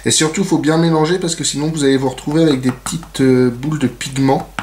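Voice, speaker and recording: A man's voice: a little high, steady tone, fast talker, darkish tone, a little hiss or hum. A man hosting a casual nail art tutorial, chatty and full of fillers, with playful self-mocking asides. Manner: chatty, many fillers and "donc". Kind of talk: casual how-to demonstration.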